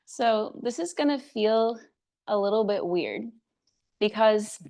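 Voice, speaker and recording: Woman yoga teacher on a video call, calm cues for breathing and poses, a bit winded from doing them herself. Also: medium pitch, takes it slowly, vocal fry. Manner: slightly out of breath while demonstrating. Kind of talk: live online yoga class instruction.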